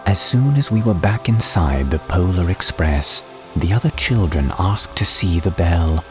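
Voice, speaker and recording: A man narrating a storybook dramatically, in a measured, deliberate audiobook style. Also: low-pitched, expressive. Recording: background music under the voice. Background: background music and soundscape.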